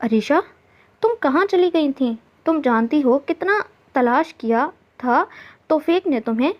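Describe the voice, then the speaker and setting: Woman voicing a caring middle-aged mother, storybook, high-ish, lo-fi. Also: very animated, a little slow, exaggerated voice. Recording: dull lo-fi recording.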